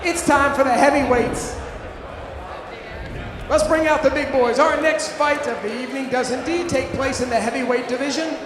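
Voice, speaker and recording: A man working as a boxing ring announcer, with formal, theatrical delivery and drawn-out, booming name calls. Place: large indoor event venue, over PA. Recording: echoey arena PA, noisy crowd.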